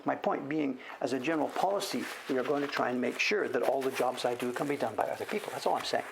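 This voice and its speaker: Talking fast in a creaky, mid-range voice, this sixty-something printmaker rambles through a casual livestream, correcting himself and calling himself by name. The recording is rough, with a little hiss or hum.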